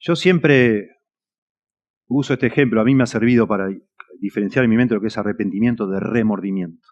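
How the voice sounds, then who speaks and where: A man's voice: lowish voice, fairly quick, dull audio. A man with a Rioplatense Spanish accent preaching a sermon as a pastor, earnest and at times emphatic. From Argentina. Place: church.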